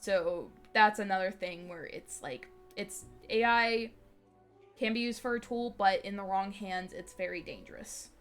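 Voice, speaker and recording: Over soft background music, a young woman streamer chats casually at a measured pace in a mid-range, slightly bright voice. A slight lisp touches her s and t sounds, and she rambles with many fillers and restarts.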